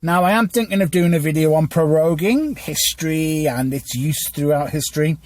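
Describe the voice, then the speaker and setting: High-pitched man, stiltedly reading a script. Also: animated, normal speed, a little mellow, dry recording. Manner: stilted teleprompter-style reading with stumbles. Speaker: podcast host. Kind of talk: scripted news commentary read aloud from a script.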